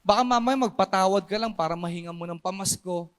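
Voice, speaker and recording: A high-pitched Filipino man preaches at a church service, his voice climbing and dropping as he drives his points home. He keeps checking in with the congregation and slips English phrases into his sermon. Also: fast, clean tone. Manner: animated, mixes English phrases, asks the congregation "di ba?" and "Amen?". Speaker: pastor.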